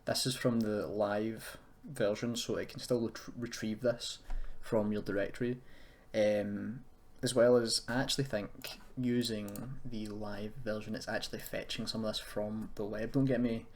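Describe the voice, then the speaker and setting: In this casual software tutorial, a man with a lowish, steady voice talks a little slowly and with few pauses, thinking aloud and tossing in self-deprecating remarks. Background noise, typing, and clicks from his keyboard and mouse come through clearly.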